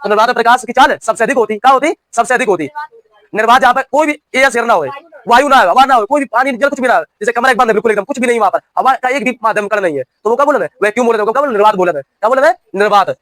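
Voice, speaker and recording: High-pitched man dictating lesson notes. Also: very fast, fairly bright tone, dry recording. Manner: dictating, repeats each phrase for note-taking; checks understanding with repeated questions. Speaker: physics teacher for railway exam prep. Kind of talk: classroom lecture, dictating notes.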